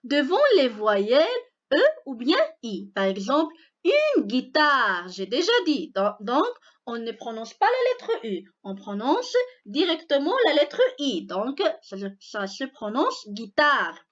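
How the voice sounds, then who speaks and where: A woman teaching a spelling lesson to young pupils, going through each rule slowly and often checking that the class follows. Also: a little high, very animated, lo-fi sound. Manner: slow, repeats each rule with frequent checks of understanding. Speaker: primary school teacher.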